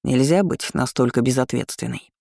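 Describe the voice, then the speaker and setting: Woman doing stern dad, slow and measured, dry mellow voice. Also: medium pitch, vocal fry, dry recording, close to an everyday voice. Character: stern middle-aged father.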